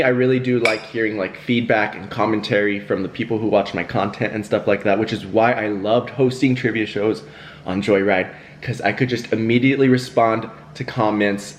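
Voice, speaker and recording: A man's voice: on the low side, a little hiss or hum. Chatty young man rambling mid-meal. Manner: chatty and rambling, with fillers, laughs and self-talk. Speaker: YouTuber hosting a mukbang. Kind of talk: casual talk to camera while eating.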